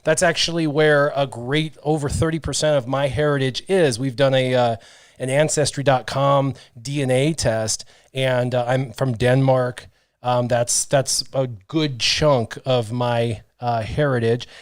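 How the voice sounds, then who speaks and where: A man in his thirties hosts a casual livestream from a small home studio, reading viewer comments aloud and making self-deprecating jokes. His medium-pitched voice is smooth and measured with fairly even intonation, recorded on a studio mic with headphones and no echo.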